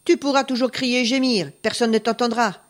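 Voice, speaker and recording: A greedy farmer shouts down a traveller in a raised, strident voice. A woman reads him aloud in a spoken storybook. He scolds and threatens without letting up. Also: on the high side, fairly even intonation, a little fast, voice pushed up, close to an everyday voice. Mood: threatening. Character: greedy bullying male farmer, loud and threatening.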